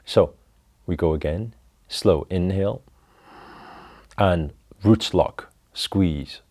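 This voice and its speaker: A man leading a guided breathing meditation, talking slowly and calmly through each step. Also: low voice. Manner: slow, calm, instructive.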